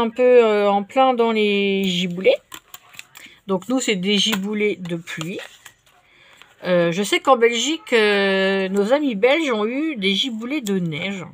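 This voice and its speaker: A woman chatting casually while she crafts at her table, relaxed and full of fillers. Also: medium pitch, a little hiss or hum. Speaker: craft vlogger.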